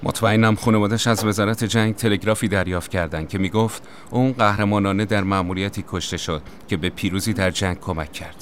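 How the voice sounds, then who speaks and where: A man narrating a reflective voice-over in a somber, measured way. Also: lowish voice, steady tone. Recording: noisy film soundtrack.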